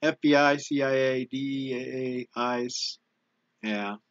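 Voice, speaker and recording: This YouTube channel host reads out viewer donations during a casual live stream, visibly touched by them. His medium-pitched voice holds a steady tone, though he halts and often starts sentences over. The recording is dry, with the highs cut off.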